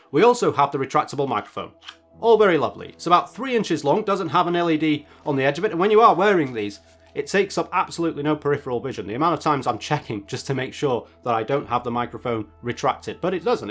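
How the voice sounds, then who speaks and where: A man's voice: on the high side, animated, fast, a bit bright, faint music behind. A man presenting a product review in a casual, chatty narration with wry asides.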